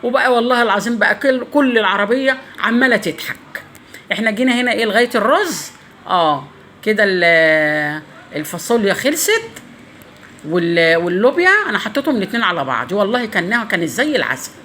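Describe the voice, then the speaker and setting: A woman's voice: mid-range voice, expressive, fast talker, fairly bright tone, a little hiss or hum. A middle-aged woman with an Egyptian accent, telling a funny story in a casual home cooking vlog, swearing by God often. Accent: Egyptian Arabic.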